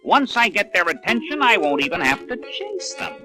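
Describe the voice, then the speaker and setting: A scheming cartoon coyote mutters theatrically to himself in a highish voice that swoops wildly. It is storybook-record villainy, with music clearly playing behind. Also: female voice, sing-song, moderate pace. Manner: theatrical plotting aloud to himself. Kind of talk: children's read-along record acting.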